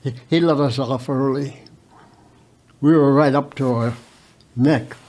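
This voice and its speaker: A very old man of about a hundred telling his own story unscripted as a veteran guest, haltingly, with repeated words and stammered starts. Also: mid-range voice, fairly even intonation, a little mellow. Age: very old, around 100.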